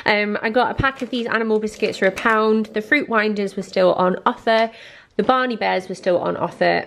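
A woman's voice: medium pitch, vocal fry, a little hiss or hum. A young woman chatting through her grocery haul in a home kitchen, rambling and laughing at herself. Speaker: vlogger.

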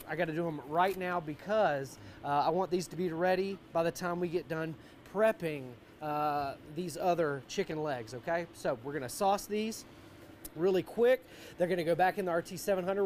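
A middle-aged American man hosting a live outdoor cooking show with jolly, hearty, folksy banter. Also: fairly high pitch. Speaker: host, barbecue cook. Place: outdoor wooden deck. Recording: faint outdoor background noise.

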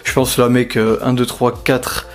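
Excitable young French man with music behind. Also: mid-range voice, measured pace. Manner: excitable, bursts into loud exclamations over cards; chatty, addresses viewers as buddies. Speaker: card-opening video host. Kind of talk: casual card-opening commentary.

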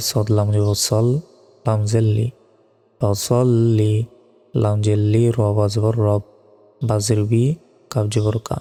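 A man from Bangladesh teaches recitation, spelling out each sound and then chanting the word at length. His voice is dark and mellow. Long reverb hangs on every word, with faint music underneath. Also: on the low side, vocal fry. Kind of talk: slow spelled-out recitation lesson.

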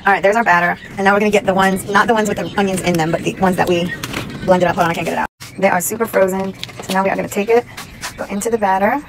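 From a phone propped or held by the stove, a young woman vlogs her home cooking, narrating to the camera in a relaxed, chatty manner. Her mid-range voice is fairly even, rapid-fire, and broken by frequent pauses, with kitchen noise in the background.

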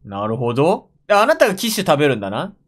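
Young japanese guy reacting to a show at home, mumbles to himself, lots of oohs, voice jumps around, a bit high. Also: wildly swooping pitch, fast. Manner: muttering to himself with frequent exclamations. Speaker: anime reaction streamer. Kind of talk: live reaction commentary. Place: room at home, seated in a gaming chair.

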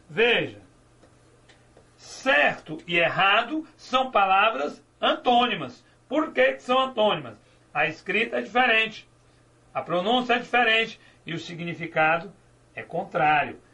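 High gravelly male teacher. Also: bright, forceful tone. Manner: didactic, asks and answers his own questions, stretches key words. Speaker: Portuguese teacher. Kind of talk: recorded grammar lecture.

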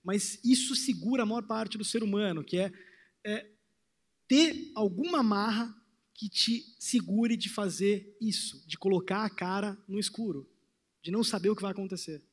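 A man's voice: high voice, moderate pace. A man in his thirties giving a reflective talk on a conference stage through a headset mic. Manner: reflective, gestures while pacing the stage. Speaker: trading course presenter. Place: large conference hall with audience. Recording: hall reverb.

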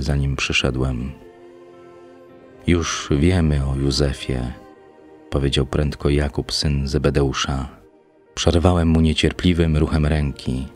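Male audiobook narrator, extremely deep voice, steady measured literary reading, soft music underneath. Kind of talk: scripted first-person literary narration.

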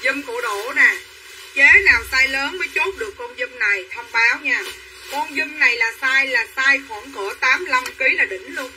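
High, piercing saleswoman on a livestream. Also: normal speed, pushed and bright, recorded from a distance, poor audio. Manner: chatty, repetitive hard-sell patter, addressing buyers by name. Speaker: online clothing seller. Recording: voice a bit off-mic with faint room noise.

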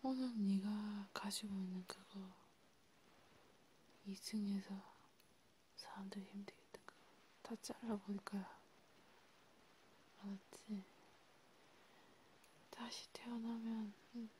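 A woman voicing a menacing grim reaper in a whispered role-play, scolding and threatening, slowly. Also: medium pitch, steady tone, dark tone, slight background noise, close to an everyday voice. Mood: stern, threatening. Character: menacing female grim reaper punishing a sinner's soul.

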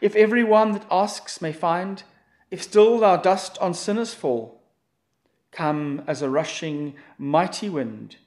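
In a church, a pastor leads prayer and reads scripture in a solemn, measured liturgical style. His voice sits high and sounds a little mellow.

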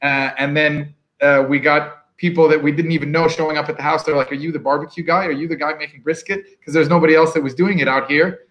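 A man's voice: on the high side, fast, few pauses, lo-fi sound. A man on a video call from a room with bookshelves, chatting casually as a guest pitmaster and acting out the people he quotes. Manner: relaxed storyteller, acts out quoted customers. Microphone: video call from home.

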